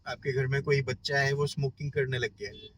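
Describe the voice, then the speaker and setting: A man coaching listeners in a casual self-help lesson, explaining with everyday examples and often pausing to check in. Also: mid-range voice, level tone, a bit bright, a little hiss or hum, rough recording.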